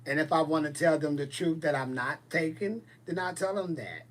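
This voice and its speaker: Animated and on the high side, the voice moves at a moderate pace. It belongs to a man in his forties hosting a casual livestream, where he chats and answers viewer comments with blunt sass.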